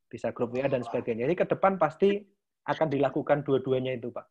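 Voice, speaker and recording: A man's voice: mid-range voice, lively intonation, quick pace, a little mellow, dull audio. A man, casually explaining teaching ideas to teachers on a video call. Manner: casual and chatty, ends phrases with Pak. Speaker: teacher trainer leading an online session.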